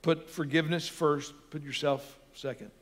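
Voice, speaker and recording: A man's voice: fairly high pitch, fairly even intonation, moderate pace, long reverb tail. A man preaching a sermon as pastor, earnest and building to emphatic peaks.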